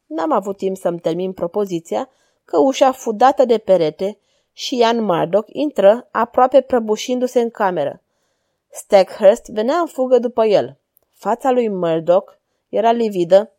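A woman narrating a story in a calm, even reading voice. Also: mid-range voice, no echo, clean studio sound.

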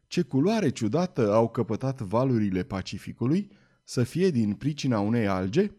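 A man's voice: medium pitch, very animated, dark tone. A man reading an audiobook, voicing a refined woman, the ship owner's wife, in a raised, curious tone.

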